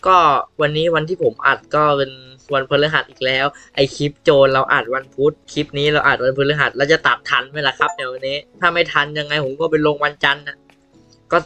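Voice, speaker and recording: A man commentating a horror game in a deliberately low, spooky put-on voice while feeling unwell and coughing. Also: fairly even intonation, pushed and bright, soft background music. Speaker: game streamer. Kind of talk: casual horror gameplay commentary.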